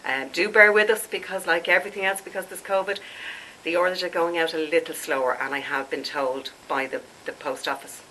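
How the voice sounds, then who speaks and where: A skincare vlogger in her late forties, congested and stuffed up, chats casually to camera, rambling and laughing at herself. Her lowish voice is steady, brisk, and sharp-toned, on a low-quality recording with slight background noise.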